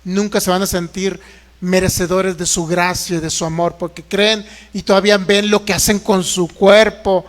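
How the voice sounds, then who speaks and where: High-voiced preacher. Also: male voice, flat delivery, normal speed, big-room sound. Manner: emphatic, mocking, exclamatory. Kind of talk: sermon to an online audience.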